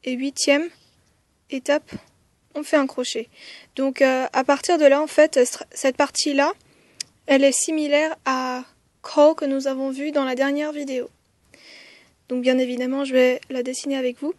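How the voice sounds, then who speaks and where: A woman's voice: sits high, flat delivery, normal speed, pauses often, no room sound. A woman teaching a writing lesson step by step, with frequent "euh" hesitations and counting strokes aloud. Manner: counts strokes aloud, softly whispering some counts. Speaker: language teacher.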